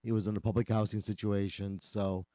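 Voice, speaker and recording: Brief: man, lawyer guest on talk radio, earnest and explanatory, slight cold in the voice, warm tone, dry studio sound. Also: fairly low pitch, level tone, fairly quick, no echo. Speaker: attorney guest.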